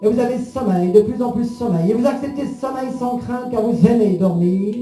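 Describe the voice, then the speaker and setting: A man's voice: extremely high pitch, fairly quick, dark tone. A man leading a guided hypnosis session in a soothing, repetitive, suggestive manner. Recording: roomy echo under music.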